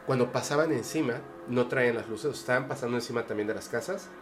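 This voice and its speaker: A man's voice: medium pitch, fast talker, over music. Mexican man telling a story, hesitant. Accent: Mexican Spanish. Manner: earnest, hesitant with frequent fillers and restarts. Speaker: podcast guest. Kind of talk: casual storytelling.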